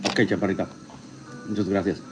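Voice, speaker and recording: A deep-voiced Californian in his fifties runs a laid-back livestream from home with a flat delivery against a noisy background. He reads viewer comments, says their names slowly and thanks them warmly, dropping Spanish phrases into his English.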